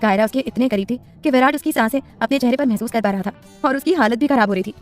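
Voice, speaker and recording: Brief: quick, somewhat high-voiced woman narrator for a romance serial, soft music behind. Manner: reads with expressive dialogue voices. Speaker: storyteller. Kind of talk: scripted story narration.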